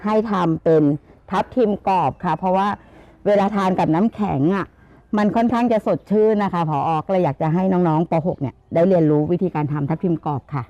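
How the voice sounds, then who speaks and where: Quick, polite female teacher. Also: fairly low pitch, dark tone, no room sound, highs cut off. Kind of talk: explaining to a class.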